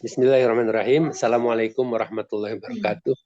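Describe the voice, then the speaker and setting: A man's voice: medium pitch, rapid-fire, a little mellow, dull audio. A man with a nasal, congested voice from a sore throat, asking polite, rambling questions in an online book discussion. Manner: polite, rambling, many restarts. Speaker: discussion participant. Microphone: video call.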